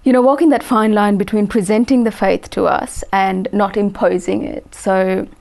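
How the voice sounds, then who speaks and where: A woman in her forties from Sri Lanka, a guest in an interview, speaking thoughtfully with many pauses and restarts. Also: medium pitch, steady tone, vocal fry, a little mellow. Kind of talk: interview conversation.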